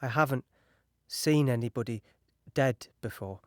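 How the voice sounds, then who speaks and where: Man voicing a shaken young soldier, halting delivery, mid pitch, dry close studio sound, audio drama. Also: dry recording, natural voice. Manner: halting, shaken, recalling horror in present tense. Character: young British soldier, wireless signaller, landing on a beach under fire. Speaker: actor playing a soldier.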